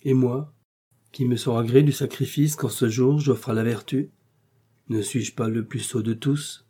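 A man voicing a sarcastic, blunt young gentleman in an audiobook, speaking with mocking emphasis. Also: mid-range voice, steady tone, measured pace, breathy edge. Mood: musing. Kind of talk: audiobook character reading.

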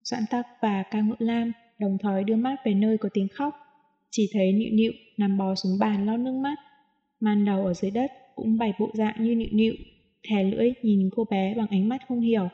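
A woman narrating a novel as an audiobook reader, reading in a steady, even way. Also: mid-range voice, a little fast, muffled recording. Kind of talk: scripted narration.

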